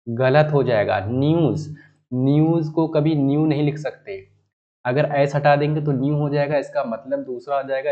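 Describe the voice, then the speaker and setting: Guy teaching a grammar lesson, mid pitch, kinda dull lo-fi audio, keeps saying students. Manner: explains patiently, often addresses students directly. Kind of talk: classroom lecture.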